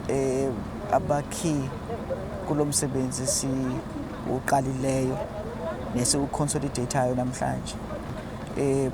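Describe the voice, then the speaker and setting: A South African man with a Xhosa accent gives a halting interview answer as an official, with frequent hesitation sounds. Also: medium pitch. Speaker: head of a public works department. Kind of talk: on-site interview answer, mixing Xhosa and English. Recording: loud outdoor urban traffic noise.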